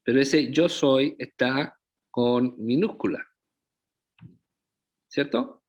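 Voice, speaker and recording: A man preaching a sermon as pastor, often checking in with the congregation through rhetorical questions. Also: mid-range voice. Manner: slow, deliberate preaching with frequent rhetorical check-ins to the congregation.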